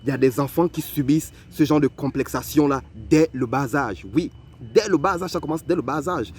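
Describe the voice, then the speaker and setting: A young man from Africa telling personal stories to the listener in a lively, conversational way. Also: a little high, normal speed, a little hiss or hum. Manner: animated, conversational, addresses the listener directly. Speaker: vlogger. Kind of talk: personal storytelling.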